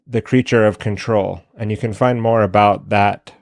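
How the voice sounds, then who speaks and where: A man opening a prepared conference presentation in a measured, earnest way with pauses. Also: on the low side, fairly even intonation, creaky, dry recording, studio quality.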